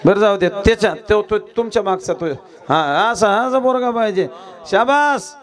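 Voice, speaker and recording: High-voiced Marathi kirtan preacher, joking live. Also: male voice, normal speed. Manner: joking, quizzing the crowd, breaks into song. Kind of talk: comic devotional kirtan with audience. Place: live stage before a crowd. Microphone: stage microphone. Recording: live crowd and accompanying music. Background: crowd laughter and music.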